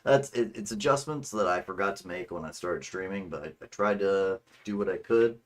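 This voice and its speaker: A man's voice: deep voice, normal speed. A man hosting a game livestream, chatting casually and rambling informally to viewers, with a tinny, slightly echoing sound as if in an untreated room. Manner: informal, rambling, mildly profane. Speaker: livestream host, gamer. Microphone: streaming microphone.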